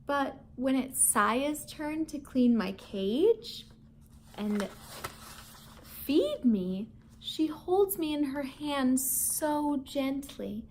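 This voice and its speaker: Her voice is high and sing-song yet darkish, and she speaks extremely slowly, with a faint hiss or hum in the recording. A woman teacher, she playfully guides schoolchildren through vocabulary and a story read-aloud, addressing them with questions and frequent chuckles.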